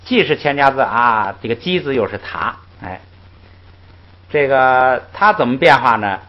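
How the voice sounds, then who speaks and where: On a muffled, lo-fi recording, a man with a mid-range voice teaches a language class at a measured pace. Lively yet patient, he explains the rules, drops in "ai" often, and runs call-and-repeat drills by modeling syllables for the class.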